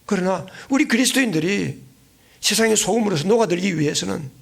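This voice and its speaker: A man's voice: sits high, animated, fairly quick, creaky. A male pastor preaching a sermon, earnestly repeating key phrases and often prompting his congregation with questions. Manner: keeps asking the congregation questions and prompting replies.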